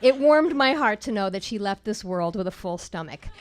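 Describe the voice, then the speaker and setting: A woman tells a personal story onstage at a small live storytelling night. Her delivery is measured and wry, landing dry jokes with careful timing. Her voice sits at an ordinary middle pitch. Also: animated.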